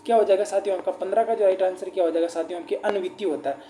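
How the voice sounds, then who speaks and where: Guy teaching an exam prep grammar class, mellow voice, keeps asking the class questions, echoey room. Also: high voice, fairly even intonation, very fast. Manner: addresses listeners as friends and brother. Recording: roomy echo, faint background noise.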